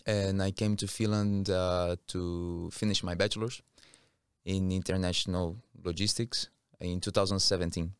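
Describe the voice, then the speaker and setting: A Brazilian man in his thirties from Rio chats casually as a podcast guest, recorded close on a boom-arm studio mic in a small curtained studio. His voice is low, level and smooth at a normal speed, and the recording is dry.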